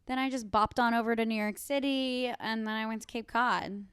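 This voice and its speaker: A woman's voice: fairly high pitch, fairly even intonation, moderate pace, a bit bright, clean tone, dry recording, clean studio sound. A young woman co-hosting a casual podcast chat, talking in a loose, bubbly way with many "like" fillers and laughs. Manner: chatty, full of "like" fillers and laughter. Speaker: podcast co-host.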